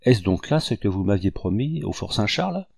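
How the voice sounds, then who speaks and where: A man voicing a gentle young woman who pleads softly and timidly, in an audiobook. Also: on the low side, big pitch swings, normal speed, creaky, breathy edge, dry recording, studio quality, full character voice. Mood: pleading. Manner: soft, pleading.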